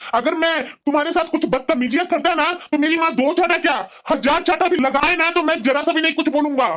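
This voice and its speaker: A woman's voice: sits high, a little fast, fairly bright tone. A woman voicing a stern young husband in a cartoon who lectures and scolds his wife. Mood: scolding. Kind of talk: Hindi cartoon voice acting.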